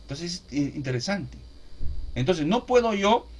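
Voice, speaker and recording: Animated preacher, lively pitch. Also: male voice, a little slow. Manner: animated, asks listeners "¿no?" and "¿de acuerdo?" often. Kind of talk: teaching sermon.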